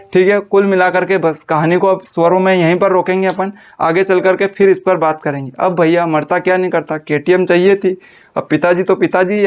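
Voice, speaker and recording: High-voiced male teacher. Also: smooth. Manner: asks students questions and answers them himself; dictates slowly while writing notes. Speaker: Hindi teacher. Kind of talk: classroom lecture.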